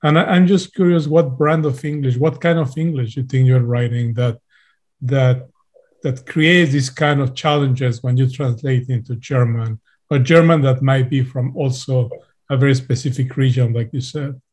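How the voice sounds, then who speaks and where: A man, co-hosting a casual conversation and asking measured, curious questions. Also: mid-range voice, steady tone, darkish tone. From Mexico. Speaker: podcast co-host.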